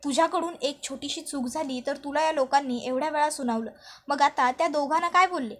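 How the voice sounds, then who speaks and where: An earnest young husband who keeps pressing his wife for answers, as a woman storyteller puts him on. The voice sits high and the questions come one after another in a spoken retelling. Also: a little fast, natural voice. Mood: questioning.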